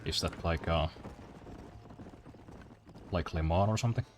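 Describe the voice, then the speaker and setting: A man's voice: sits low, measured pace, music in the background. A man streaming a video game and chatting casually, rambling with many repeats and fillers. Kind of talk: casual gaming commentary.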